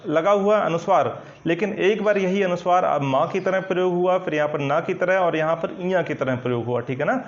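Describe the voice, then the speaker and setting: Male Hindi teacher, dull lo-fi sound. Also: on the high side. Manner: explanatory, repeats "ठीक है ना" often, hesitant fillers. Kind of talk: online coaching lesson at a whiteboard. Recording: dull lo-fi recording.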